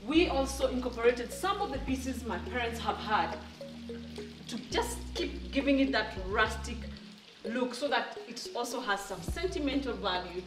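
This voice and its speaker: A woman's voice: a little high, expressive, normal speed. A woman presenting a home makeover reveal in a gushing, delighted, admiring way. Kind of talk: makeover reveal vlog narration. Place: indoors in a house, walking between rooms. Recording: roomy echo, distant mic, background music. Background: music.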